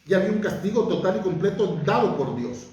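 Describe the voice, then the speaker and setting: A man's voice: sits high, very animated, fairly quick, a little mellow, muffled recording. A man preaching a sermon, fervent and emphatic, his voice rising on key words. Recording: very echoey room, from far off.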